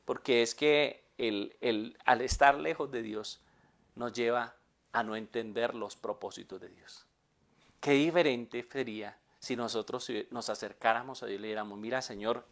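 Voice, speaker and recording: A middle-aged man, preaching a sermon as pastor, shifting between loud urgent peaks and quiet low asides.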